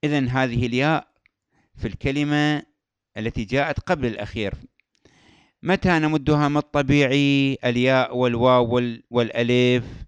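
A man gives a patient lesson on recitation rules, often repeating key terms. His voice is smooth and resonant, and the recording is dry with no room sound. He chants verse examples slowly and melodically. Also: medium pitch, dry recording. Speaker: Quran recitation teacher. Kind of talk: tajweed lesson.

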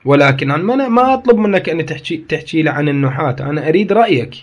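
A man's voice: a little high, lively intonation, fast. A man with an Iraqi accent giving a grammar lesson, reading passages aloud and then explaining and disputing them, often repeating key phrases. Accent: Iraqi Arabic. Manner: reads a text aloud, then explains and argues with it. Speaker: teacher. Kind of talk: grammar lecture.

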